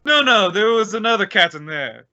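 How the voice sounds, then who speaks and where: In an old-time radio comedy, a man plays a blustering male school principal, his piercingly bright, high voice swooping as he stammers with pompous indignation. The performance is expressive and exaggerated, nervously jovial, at normal speed. The recording is dull and lo-fi.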